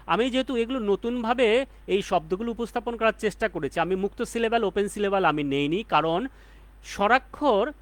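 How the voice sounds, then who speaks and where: A man's voice: high-pitched, fairly bright tone. A man teaching a poetry class as the instructor, explaining step by step and repeating key points for emphasis. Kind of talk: lecture.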